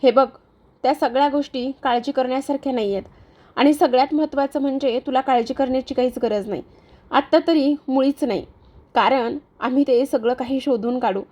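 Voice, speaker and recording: A woman's voice: high-pitched, dark tone. A woman voicing a protective, reassuring young man in a retold TV serial. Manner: firm, reassuring.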